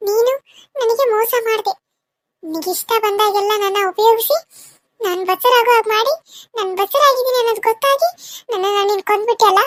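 For a cartoon serial, a performer voices the vengeful ghost of a murdered second wife, taunting and accusing her killer with long, drawn-out wails. The voice is very high-pitched with a fairly bright tone, and there is no echo.

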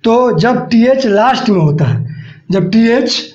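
A man's voice: very high voice, animated, slow pace, a little mellow. A man teaching a spoken-English lesson, spelling words letter by letter and often checking in with his viewers. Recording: dull lo-fi audio in an echoey room.

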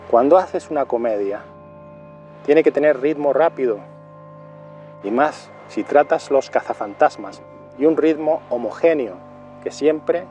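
A middle-aged man giving a film review as a monologue, speaking deliberately and repeating titles and years for emphasis. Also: medium pitch, mellow.

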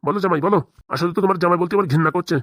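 In a comic cartoon drama, a man plays a stern, protective middle-aged father-in-law, lecturing insistently and firing off rhetorical questions in an indignant mood. His voice sits high and comes out very fast with a fairly bright tone. The studio-quality recording has no echo.

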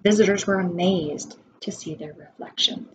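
In a lowish voice at a moderate pace, an American woman in her forties, a preschool teacher, reads a children's nonfiction book aloud. Her delivery is instructive, with asides and questions for her listeners, captured in dull lo-fi webcam audio with background noise.

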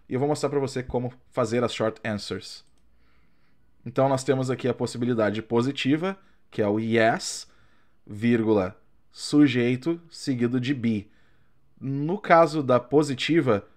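A man whose first language is Portuguese, teaching English grammar in a recorded lesson. His voice sits at a middle pitch, and he paces his explanations carefully, stretching out each example phrase so learners can follow.

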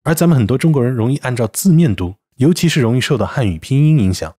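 A man's voice: mid-range voice, animated, fast talker, warm tone, breathy edge. A man narrating a scripted English pronunciation lesson, explaining vowels step by step and reading out example words. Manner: explanatory, with spoken word examples.

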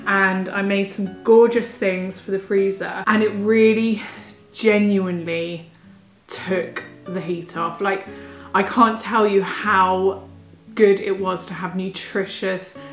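A woman's voice: medium pitch, fairly even intonation, slow. Chatty pregnant woman in a roomy room. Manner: chatty, enthusiastic. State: heavily pregnant, a bit out of breath. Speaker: vlogger. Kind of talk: casual food haul vlog. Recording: roomy home recording with faint music.

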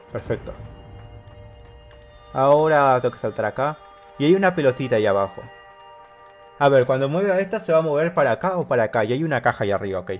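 A man talks himself through a platform game at a desk mic, chatty and matter-of-fact between jumps. When danger hits he breaks into rapid repeated cries, his pitch swinging high. Faint game music plays underneath. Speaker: gameplay commentator. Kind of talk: casual let's-play commentary.

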